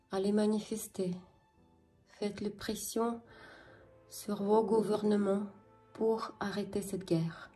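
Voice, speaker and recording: Femme à l'ukrainien, lente et grave. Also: female voice, mid-range voice, dark tone. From Ukraine. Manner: slow and earnest, some words half-whispered. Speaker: tarot reader. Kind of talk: tarot reading for viewers.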